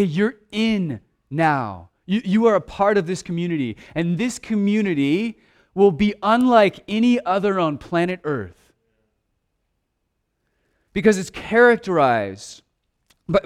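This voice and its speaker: A man preaching a sermon in an earnest way, stumbling over restarts and at times dropping to a hushed voice. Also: sits high. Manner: earnest preaching with repeated restarts, dropping to a hush for quiet asides. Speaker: pastor.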